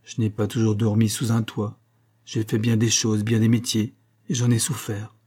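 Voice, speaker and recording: A man's voice: on the low side, monotone, normal speed, a little mellow, husky. Man reading a hard, cynical returned husband. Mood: pleading. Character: bitter middle-aged husband returned from the dead. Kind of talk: audiobook character reading.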